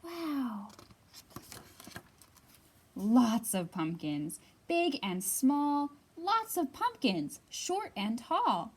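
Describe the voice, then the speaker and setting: A female librarian reads a storytime tale to young kids in a sing-song, expressive way, stopping now and then to ask her small audience questions. Her voice sits a little high and sounds slightly rough.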